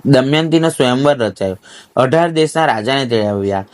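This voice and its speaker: A man narrating a devotional folk tale in a steady, recited storytelling manner. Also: moderate pace. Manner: steady recited storytelling, raising pitch for quoted speech.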